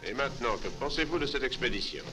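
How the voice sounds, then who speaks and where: A man's voice: mid-range voice, expressive, fast, over music, natural voice. A man playing a confident army captain in a dubbed adventure film, with a clipped, authoritative way of speaking. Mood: composed, assured. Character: confident, resolute army captain addressing his men.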